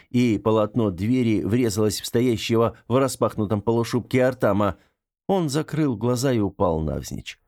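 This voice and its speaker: A man narrating an audiobook with lively, expressive storytelling. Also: fairly low pitch, dry recording, clean studio sound.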